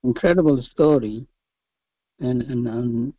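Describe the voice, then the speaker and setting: Slow halting guy commenting in a study group, tinny call audio, dry sound. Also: medium pitch, dry recording. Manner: slow and halting, repeats words. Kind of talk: casual discussion comment.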